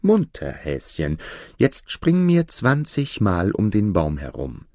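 A man voicing a cunning wandering fiddler in a storybook reading, giving coaxing commands in a deep voice. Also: wildly swooping pitch, slow, a little mellow, no room sound, clean studio sound, exaggerated voice.

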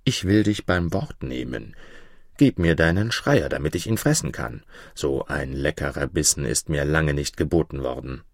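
A man voicing a gruff mountain spirit disguised as a charcoal burner, talking deep, slow and stern. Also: expressive, no echo, clean studio sound, full character voice.

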